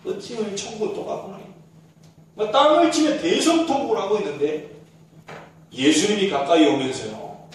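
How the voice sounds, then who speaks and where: Male pastor, high voice, animated sermon storyteller, miked from afar in a boomy church. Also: slight background noise. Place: church sanctuary. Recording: echoey church hall, distant mic.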